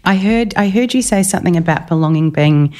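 A woman co-hosting a conversational interview. Her voice is a little lower than average. She speaks in a measured, reflective manner, building her points calmly. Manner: measured, thoughtful, gently challenging. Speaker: co-host.

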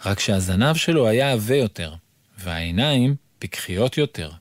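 Expressive man reading a children's story. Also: lowish voice, no room sound. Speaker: narrator. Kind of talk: reading a children's book aloud.

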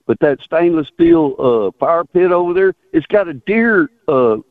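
A man calling a radio show over a phone line, rambling casually in a folksy, halting way. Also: fairly high pitch, lively intonation, no echo. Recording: tinny narrowband phone line.

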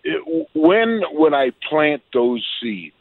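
Brief: man in his 70s, radio caller, tinny phone line, very lively pitch, halting and chatty. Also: gravelly, no room sound. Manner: chatty, halting, warm-spirited. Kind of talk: call-in question on the radio. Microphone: telephone.

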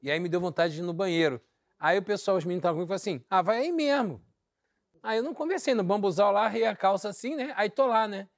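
Man with a high voice, animated, laughing through his stories; casual group chat. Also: rapid-fire, creaky, no echo, clean studio sound. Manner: animated, laughing while telling a story. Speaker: guest.

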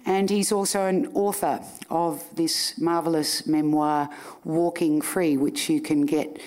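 A woman's voice: sits low, steady tone, unhurried, darkish tone. A woman hosting a live on-stage interview, with a dry teasing humour. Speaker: podcast host.

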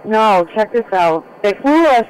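A tired woman chatting excitedly over a crackly long-distance phone line, swearing casually as a radio show regular calling in. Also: mid-range voice, unhurried. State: tired from no sleep.

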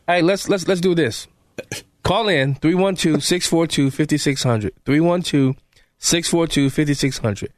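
A man with a fairly high voice hosts live talk radio. He banters and debates conversationally, recorded close and dry in a studio. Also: normal speed, dry recording. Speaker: radio talk show host.

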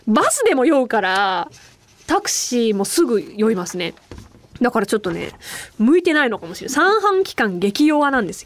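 A woman's voice: high-pitched, no room sound. A woman hosting a casual radio podcast with a slight Kansai-leaning accent, chatting animatedly, reading listener mail and laughing often. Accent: slightly Kansai-leaning Japanese. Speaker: radio host.

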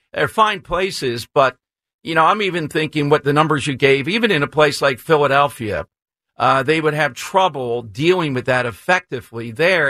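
A man's voice: medium pitch, bright, forceful tone, no echo. Casting: American male talk radio host, polite and conversational, wandering into his questions, on a dry studio microphone.

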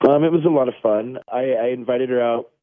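A man calling in to a radio show, chatting casually in a halting, defensive way. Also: mid-range voice, no room sound. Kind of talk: casual conversation on air. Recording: dull band-limited phone line.

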